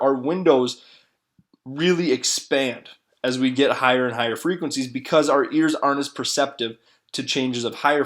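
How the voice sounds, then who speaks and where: A man teaching a classroom lecture in an explanatory way, often repeating words and checking in with a questioning "right?". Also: medium pitch. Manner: repeats words while searching for them.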